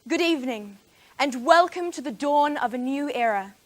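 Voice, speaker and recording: A teenage woman from New Zealand, a speech contestant, delivers a formal competition speech with rhetorical, dramatic emphasis in her New Zealand accent. Her voice is high with lively intonation at a moderate pace.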